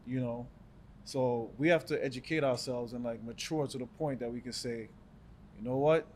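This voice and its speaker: A man's voice: mid-range voice, fairly even intonation, moderate pace, darkish tone. Jamaican-born young male co-host, reflective, chatty, faint background noise. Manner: reflective, many fillers. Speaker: podcast co-host. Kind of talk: casual chat.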